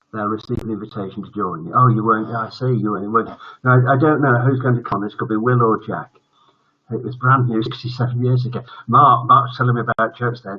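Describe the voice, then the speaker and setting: The dull lo-fi livestream audio carries an older man's medium-pitched, slightly rough voice. He's the host of a casual children's bedtime story stream, chatting with viewers in a jokey, meandering way that often trails off.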